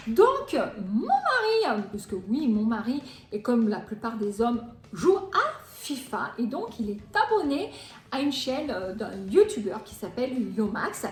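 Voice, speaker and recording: A woman in her forties hosting a cooking vlog, talking casually, chatty and self-mocking, in a home kitchen. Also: high voice. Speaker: cooking channel host. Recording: echoey room.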